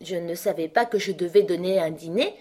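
A woman's voice: fairly low pitch, fairly quick, darkish tone, husky. A woman reading an audiobook, voicing an earnest, polite young girl who reasons things through carefully.

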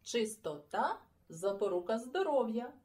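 A woman's voice: on the high side, sing-song, measured pace, a little mellow. A woman doing a cheerful eager village boy.

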